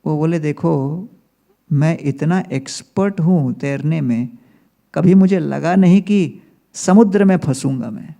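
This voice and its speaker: A man's voice: on the high side, slow pace, creaky, warm tone. A man giving a religious storytelling lecture as a spiritual teacher, telling humorous anecdotes and mixing in English phrases.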